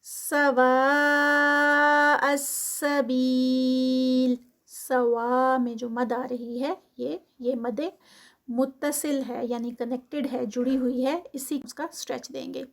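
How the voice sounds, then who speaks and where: A woman teaching a tajweed lesson, reciting verses slowly and then explaining the rules of each word. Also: sits high, little pitch movement, vocal fry, a little mellow. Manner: chants verses slowly, then explains rules briskly in Urdu-English mix.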